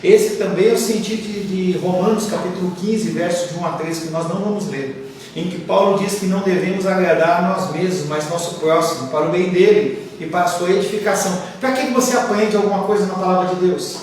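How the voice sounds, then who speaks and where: A man's voice: high voice, steady tone, a little fast, darkish tone, a little hiss or hum. A man with a Brazilian Portuguese accent, preaching a sermon as a pastor in a conversational way, full of asides and anecdotes. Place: church hall. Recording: echoey room from far off with faint ambience.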